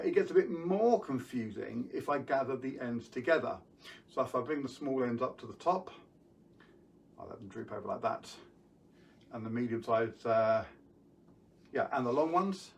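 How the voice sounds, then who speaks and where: Man, live-stream magician, casual rambling chat, mid pitch, a bit far from mic. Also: creaky, slight background noise. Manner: chatty, rambling, greets viewers by name. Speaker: magician hosting an online show. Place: at home.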